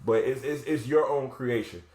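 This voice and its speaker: In an echoey room with drums being played, a man who teaches drumline explains rudiments step by step at a moderate pace. His mid-range voice has a darkish tone, and he talks casually, thinking out loud and fixing his own mistakes as he demonstrates on a drum.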